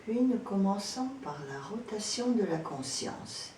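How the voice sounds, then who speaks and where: Leading a guided yoga relaxation, this woman instructor talks calmly and gently, pausing often. Her recording has a distant mic, roomy echo, background noise and a low rumble.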